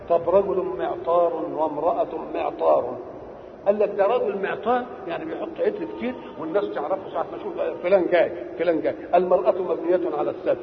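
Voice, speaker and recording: A man's voice: high voice, creaky, a little hiss or hum. A man with an Egyptian Arabic accent gives a Quranic exegesis lecture, posing rhetorical questions and answering them himself. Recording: dull old lecture recording in an echoey hall.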